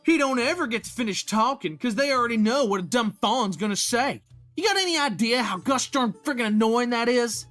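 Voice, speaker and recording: A man doing a high twangy country deer youth, with music. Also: expressive, fairly quick, a bit bright. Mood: annoyed. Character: young country deer man, defensive and earnest.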